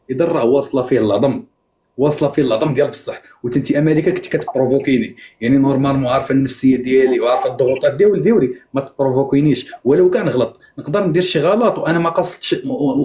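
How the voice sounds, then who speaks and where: A man's voice: mid-range voice, racing, a little mellow. A man with a Moroccan accent in a heated argument on a live stream, insisting again and again on being heard. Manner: insistent, repeats himself, keeps demanding to be heard.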